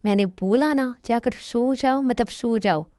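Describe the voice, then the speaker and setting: A woman's voice: on the high side, a little slow, darkish tone, no room sound, studio quality, close to an everyday voice. A woman doing a doting young mafia boss. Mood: angry. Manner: scolding then sweet-talking, calls her "my darling". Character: possessive young male mafia boss, hot-tempered then doting. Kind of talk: Hindi fan-dub romance drama.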